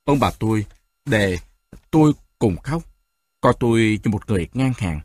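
A man narrating a novel in an expressive audiobook reading. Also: lowish voice, normal speed, no echo. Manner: expressive storytelling.

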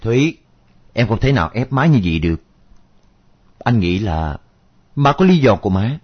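Actor as a soothing young husband, lively intonation, lo-fi. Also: male voice, lowish voice, moderate pace, husky. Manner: soothing, reasoning. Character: gentle, conciliatory husband and son. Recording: dull lo-fi recording with music.

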